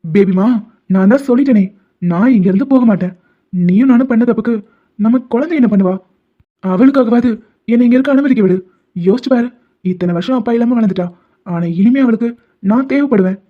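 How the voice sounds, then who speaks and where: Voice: mid-range voice, fairly quick, long pauses, close to an everyday voice. A voice actor playing a stubborn young man, a doctor, who teases the heroine with pet names and insists she is his wife. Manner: teasing, stubborn, calls her pet names. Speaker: male lead. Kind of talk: animated love-story dubbing. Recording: dull lo-fi audio with faint music.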